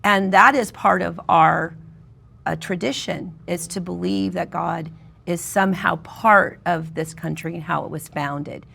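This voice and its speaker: Very gravelly low-voiced woman. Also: measured pace, a bit bright, a little hiss or hum. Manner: earnest, firm. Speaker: panel guest. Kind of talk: panel discussion.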